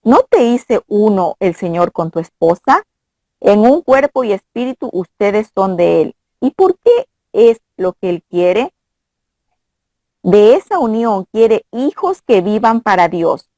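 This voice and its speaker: A woman's voice: mid-range voice, sing-song, slow, dark tone, no room sound. Earnest woman teaching from scripture. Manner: earnest, quotes scripture, mimics voices. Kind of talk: conversational Bible teaching.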